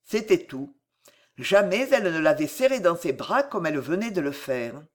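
A narrator giving a dramatic, expressive reading of a period novel. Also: mid-range voice, normal speed.

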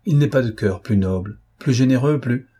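A man voicing a proud, earnest noblewoman in a storybook reading, with a husky tone. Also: medium pitch, moderate pace, dark tone, voice pushed up, natural voice.

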